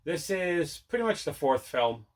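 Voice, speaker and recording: Here a collecting-channel host with a fairly high, very animated voice keeps a measured pace. His unboxing chat is casual and meandering, and he often corrects himself mid-thought.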